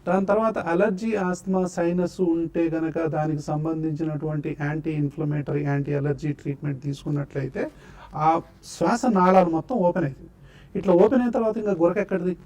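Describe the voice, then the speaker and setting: Patient explaining doctor, slightly high voice. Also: male voice, steady tone, fairly quick, darkish tone. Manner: patient, explanatory, lists causes and treatments one by one. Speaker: doctor answering health questions. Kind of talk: explanatory TV health talk.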